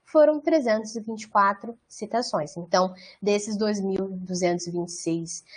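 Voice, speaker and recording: A woman's voice: medium pitch, normal speed, breathy edge. A Brazilian woman giving an online training session, explaining things step by step and often checking in with her listeners. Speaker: product trainer.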